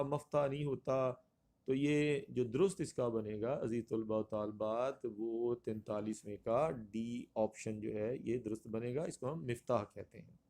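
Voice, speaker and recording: A man's voice: mid-range voice, darkish tone. A male Urdu teacher going through exam multiple-choice answers, repeating and stretching words to drill their pronunciation while addressing students formally. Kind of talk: exam-prep grammar lecture.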